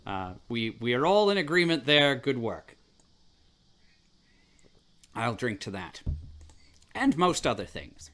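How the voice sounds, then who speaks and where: Very animated livestream host, androgynous voice. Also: mid-range voice, slow, pauses often. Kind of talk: casual livestream hosting.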